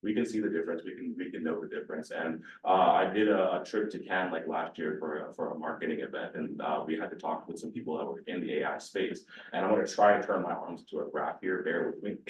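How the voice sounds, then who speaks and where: A man on a panel talking with animation while he searches for words. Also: low-pitched. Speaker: panelist, illustrator. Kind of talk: panel discussion answer. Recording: echoey room, distant mic.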